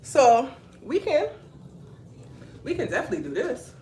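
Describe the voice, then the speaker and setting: Woman, Gullah Geechee accent, animated live-stream fashion host, roomy echo. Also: fairly high pitch, moderate pace, slight background noise. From Beaufort, South Carolina, USA. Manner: animated, chatty, teasing asides to her husband. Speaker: clothing brand owner hosting a live stream. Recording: echoey room.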